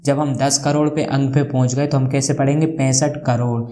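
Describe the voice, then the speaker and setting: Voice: mid-range voice, flat delivery, a little fast, dark tone. A maths teacher explaining a lesson, who keeps asking questions and answering them, and spells out place values one by one.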